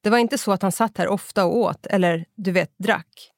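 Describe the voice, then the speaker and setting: A man's voice: high voice, gravelly, dry recording. Reader doing a middle-aged Scottish barman, chatty, generous, Scottish accent, English phrases thrown in, dry close sound. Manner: chatty, slips English phrases into his talk. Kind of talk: audiobook character voice.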